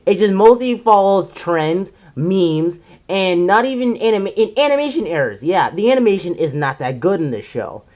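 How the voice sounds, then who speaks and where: A video reviewer presenting a countdown list offers casual, opinionated commentary. In a mid-range voice, the reviewer rants emphatically and with exasperation, drawing out stressed words.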